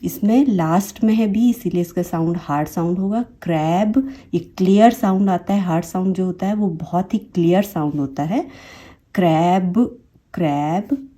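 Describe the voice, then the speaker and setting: A woman teaches English phonics with an Indian English accent. Her voice is somewhat low and mellow, and the talk is patient and explanatory. She says each example word twice, slowly and clearly. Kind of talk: phonics lesson.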